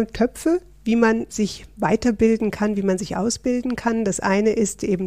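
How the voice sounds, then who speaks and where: A middle-aged professor from northern Germany answers interview questions in a friendly way, explaining things with a few fillers. Her medium-pitched voice is warm with some vocal fry, and there's no echo.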